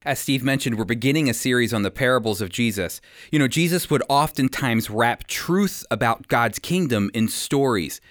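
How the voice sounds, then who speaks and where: An American man hosts a radio Bible-teaching program, telling stories in a prepared, deliberate and emphatic way. His mid-range voice is expressive with a fairly bright tone, captured close on a studio microphone with no echo.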